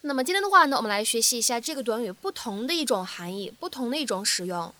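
A young woman teaching a spoken English lesson as the teacher, repeating phrases slowly and carefully to drill pronunciation. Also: fairly high pitch, expressive, bright, forceful tone.

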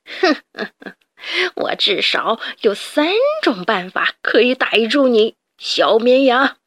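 A sneering rat gang leader, played by a woman storyteller, gloats with slow, menacing words. The sound is dry and close, like a bedtime storybook reading. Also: fairly high pitch, animated, fairly bright tone, dry recording, heavily acted. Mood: gloating. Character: sneering villainous male rat boss.

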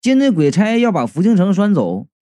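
Lively male storyteller over music. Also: high-pitched, fairly quick, dry recording, studio quality. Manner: lively, colloquial, voices the characters. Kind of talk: comic storytelling narration.

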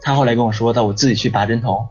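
Husky-voiced man telling a story, rambling. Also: mid-range voice, fairly even intonation, very fast, darkish tone. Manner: rambling, repeats words, frequent "你知道吗". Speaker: guest. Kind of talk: casual storytelling on a ghost-story podcast. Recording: dull lo-fi sound with faint music behind.

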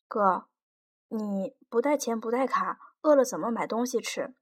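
A woman voicing a soft-hearted twenty-year-old girl who pleads in a weepy way. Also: fairly high pitch, expressive, normal speed, husky. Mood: worried.

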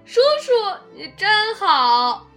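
A timid little crybaby dinosaur boy, as a woman puts him on for a storybook reading, very high and childlike, with a bright, ringing tone. Soft music plays faintly behind. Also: measured pace, exaggerated voice. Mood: happy, grateful. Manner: tearful, pleading, childlike. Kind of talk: picture-book read-aloud.

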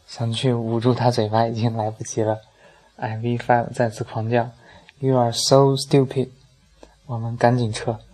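A man's voice: mid-range voice, dark tone, low-quality recording. A man narrating a humorous first-person travel story, dry and comic in his delivery.

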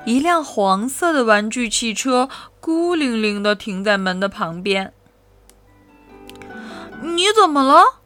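A woman tells a children's story slowly and clearly, her voice bright and full of lively rises and falls. Soft music plays behind her. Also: mid-range voice. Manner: slow, gentle, expressive. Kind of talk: children's picture-book reading.

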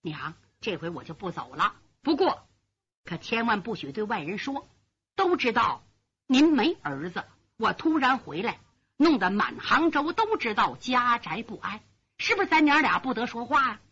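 A woman's voice: fairly high pitch, very animated, normal speed, sharp tone, breathy edge, muffled recording, heavily acted. A woman storyteller voicing a young man, a devoted son who is earnest and urgent.

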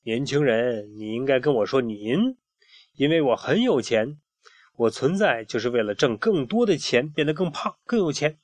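A man's voice: medium pitch, very animated, moderate pace, no echo. A man voicing a proud, pompous talking wallet that boasts of its wealth. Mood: haughty. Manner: haughty, boastful.

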